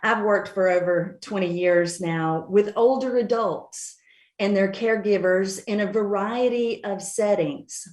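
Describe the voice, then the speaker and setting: A woman's voice: medium pitch, measured pace, a little mellow. Appalachian-accented woman in an echoey room. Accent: Appalachian, Western North Carolina. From Western North Carolina mountains, USA. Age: middle-aged. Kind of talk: conversational interview answers. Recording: roomy, echoing sound.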